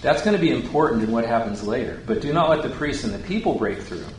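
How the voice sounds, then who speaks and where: A man's voice: mid-range voice, expressive, fast, slight background noise. A man teaching the Bible in a conversational way, putting questions to his listeners and paraphrasing scripture in casual words. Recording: very echoey room, faint ambience.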